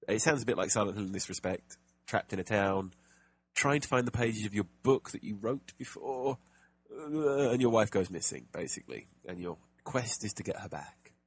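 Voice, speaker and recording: A man's voice: fairly low pitch, expressive, moderate pace, slightly rough. A man co-hosting a casual gaming podcast, chatty and jokey, with plenty of fillers and restarts. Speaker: podcast co-host.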